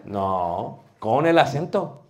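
Animated Mexican man teaching a class. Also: mid-range voice, takes it slowly. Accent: Mexican Spanish. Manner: animated, asks rhetorical questions, homely cooking comparisons. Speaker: preaching instructor. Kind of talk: lively class lecture.

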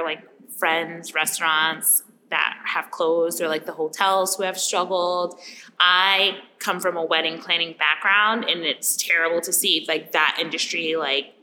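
Bright-voiced chatty woman, casual. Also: fairly low pitch, slight background noise, rough recording. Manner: chatty, heavy use of "like". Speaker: restaurant marketing and events manager. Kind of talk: casual podcast chat.

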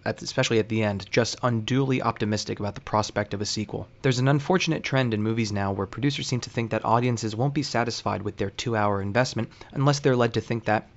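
A man hosting a show, reading scripted narration in a dry, deliberate and wry way. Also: fairly low pitch, highs cut off. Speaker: host.

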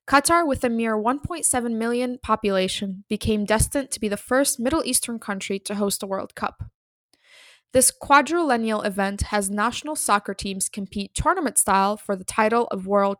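A woman's voice: on the high side, fairly bright tone, no room sound. Woman podcast host, dry close sound. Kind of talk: scripted narration and introductions.

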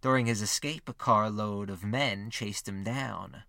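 A man giving scripted narration for a history podcast, measured and steady, reading quotes with lifted emphasis. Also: on the low side, vocal fry, no echo, studio quality.

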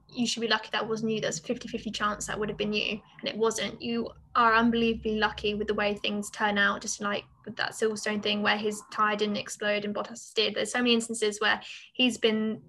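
A woman co-hosting a casual podcast chat, opinionated and quick to laugh. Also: mid-range voice, sharp tone, a little hiss or hum, poor audio. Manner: chatty, opinionated, laughs often. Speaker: podcast co-host.

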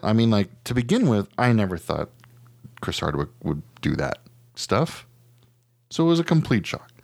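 A middle-aged American man co-hosts a casual podcast, his mid-range voice recorded with no echo. He tells stories bluntly and animatedly, swearing plenty and mimicking what people said.

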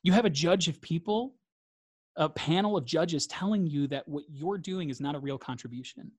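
A man's voice: fairly high pitch, moderate pace, darkish tone, no echo, clean studio sound. A man, a guest in a reflective interview, talking earnestly and repeating phrases for emphasis.

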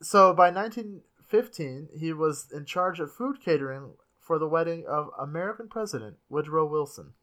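Podcast host rattling off history, swears a lot, jokey and quick. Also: medium pitch, expressive, a bit bright. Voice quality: fast, swears freely, jumps into silly voices. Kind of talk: casual comedic chat.

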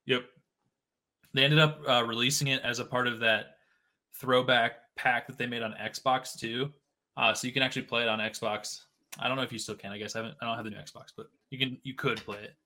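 Chatty bright-voiced man in his twenties. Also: mid-range voice, steady tone, brisk. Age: 20s. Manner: chatty, rambling, many fillers. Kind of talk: casual chat.

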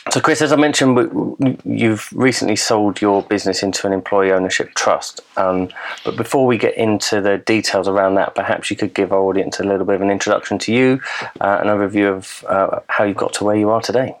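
A man hosting a conversational interview in a wooden garden cabin, with slightly halting phrasing. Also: on the low side. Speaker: podcast host and interviewer.

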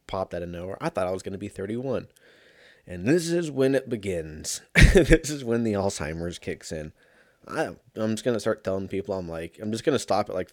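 A man's voice: lowish voice, darkish tone, no room sound, studio quality. A man in his thirties hosting a casual solo podcast, sounding drained after a sick night, rambling with profanity and frequent laughter. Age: 30s. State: low energy after being sick. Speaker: podcast host.

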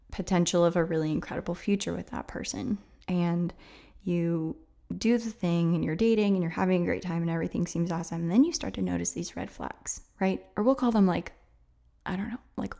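A woman with vocal fry from a sore throat, slightly losing her voice, speaking candidly and hesitantly as a solo podcast host. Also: lowish voice, dark tone. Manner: hesitant, confessional, conversational.

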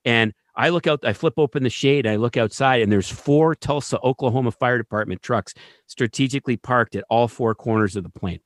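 A man telling a story in casual conversation, animated and often checking in with the listener. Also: medium pitch, brisk, no room sound, studio quality. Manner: animated, keeps asking "right?".

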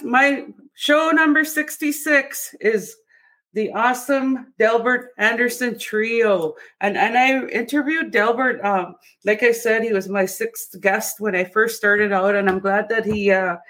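A woman with a Cree accent hosting a casual livestream interview, speaking haltingly and often repeating words. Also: medium pitch, a bit bright. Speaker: show host.

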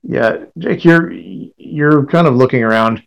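A man with a mid-pitched voice runs a tabletop game. He improvises the narration as game master, pausing and searching for words. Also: vocal fry.

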